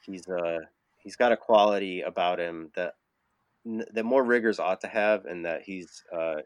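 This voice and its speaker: Casting note: man, low voice, casual storyteller, lots of "uh", close dry sound. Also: moderate pace, no echo. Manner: rambling storyteller, many fillers, laughs often. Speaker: rigger telling stories. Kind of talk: casual chat.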